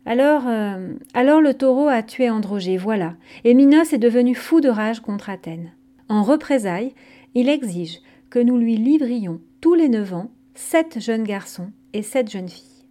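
A woman's voice: fairly high pitch, lively intonation, normal speed, mellow, close to an everyday voice. A woman reading aloud as an aging king who answers in a stammering, defensive way. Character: aging male king, evasive and troubled.

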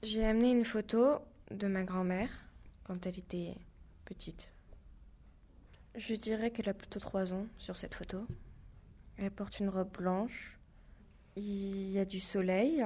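A teenage girl calmly describing a photo. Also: mid-range voice. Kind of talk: spoken testimony.

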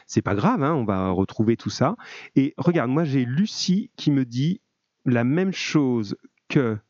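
A man's voice: mid-range voice, animated, a little slow, darkish tone, no echo, lo-fi sound. A male French teacher running a live call-in lesson with his students, speaking in a friendly, informal and encouraging way. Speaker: middle-school French teacher.

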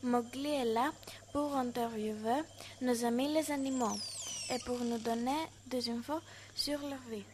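A student presenter introduces the next part of a school radio play in a fairly high voice. Faint background noise runs under her words. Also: steady tone, unhurried.

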